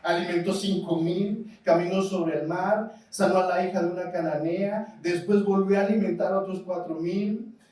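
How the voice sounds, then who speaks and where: Mexican male pastor, lively questioning preacher, high voice, recorded from a distance in a reverberant hall. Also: moderate pace. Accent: Mexican Spanish. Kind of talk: sermon. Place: church hall. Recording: echoey church hall, mic at a distance.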